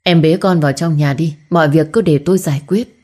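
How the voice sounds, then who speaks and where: A woman voicing a firm, protective young village husband who gives quick commands in a storybook reading. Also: low voice, mellow, husky. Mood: urgent.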